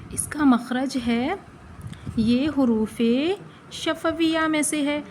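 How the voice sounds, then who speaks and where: A woman with a Pakistani Urdu accent teaching a recitation lesson, slowly sounding out letters and asking questions back to the learner. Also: high voice, a little hiss or hum. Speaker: Quran reading teacher.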